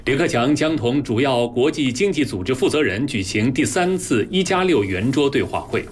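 A man with a standard mainland Mandarin accent reading scripted news as a formal, measured anchor. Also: mid-range voice, expressive, slight background noise.

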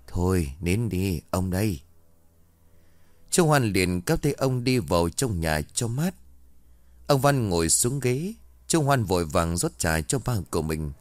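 A man narrates a ghost story and voices every character himself. His voice sits very low, yet it swings widely in pitch as he tells it. The recording is dry, with almost no room sound. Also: no room sound.

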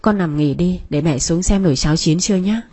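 A woman voicing a loving middle-aged mother who speaks tenderly and coaxingly, low and husky. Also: brisk, mellow.

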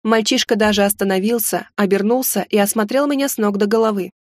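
A woman reading a first-person audiobook in a lively, wry storytelling manner. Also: mid-range voice, fast, dry recording, studio quality. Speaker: audiobook narrator.

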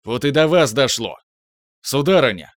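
A man's voice: medium pitch, big pitch swings, moderate pace, no room sound, studio quality, lightly acted. A man voicing a jovial institute director who speaks with theatrical pomposity. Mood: jubilant.

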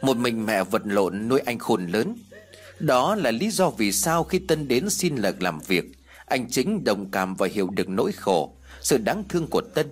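A man narrating an audiobook ghost story in expressive storytelling fashion. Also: lowish voice, slightly rough.

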